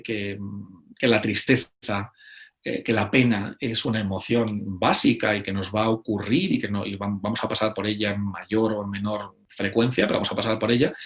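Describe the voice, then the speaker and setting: A middle-aged man with a Spain Spanish accent gives an animated conference talk, acting out quoted voices between frequent hesitations. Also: medium pitch. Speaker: conference speaker.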